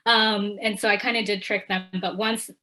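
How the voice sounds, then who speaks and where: Bright young woman from ecuador, thoughtful casual chat, lots of ums. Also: mid-range voice, level tone, normal speed, rough recording. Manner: reflective, frequent fillers, quoting others animatedly. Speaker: author guest. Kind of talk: casual interview talk.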